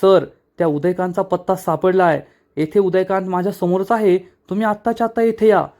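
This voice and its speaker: A man's voice: sits high, steady tone, fairly quick, darkish tone. A man voicing a male assistant urgently reporting news on a call.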